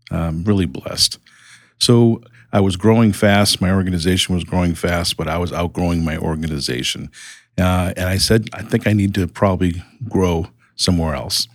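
A man's voice: sits low, vocal fry, dry recording, clean studio sound. A man in his sixties with a Boston accent, a guest speaking in a plainspoken, upbeat way in a casual interview. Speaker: guest, nonprofit CEO.

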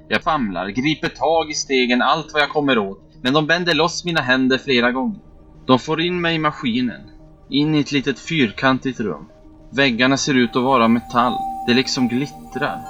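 A man telling a first-person story as scripted narration, in a measured, steady delivery. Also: medium pitch. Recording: dull, muffled recording with faint background music.

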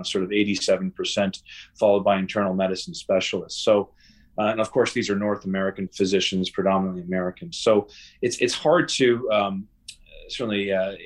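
A man interviewed as a guest researcher on a podcast, speaking in a measured way with frequent fillers and restarts. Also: sits low, level tone.

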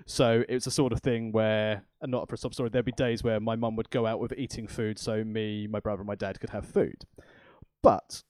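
This man's medium-pitched, warm voice comes through a dry recording as he co-hosts a cooking podcast, chatting in a rambling, casual way with self-deprecating remarks.

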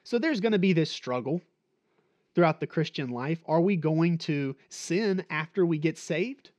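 A man's voice: on the high side, lively intonation, measured pace, a little mellow. A man preaching a sermon in a conversational way, asking the listeners questions and acting out short quoted lines. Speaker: pastor.

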